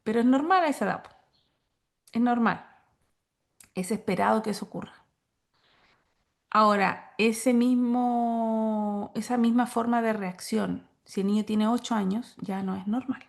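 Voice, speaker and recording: A woman's voice: moderate pace, creaky, pauses often. A woman giving a recorded lecture to teachers, explaining step by step and checking in with listeners often. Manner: explanatory, checks in with frequent "¿ya?" and "¿cierto?"; acts out quoted lines in a higher voice. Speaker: course instructor. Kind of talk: recorded lecture on child behavior.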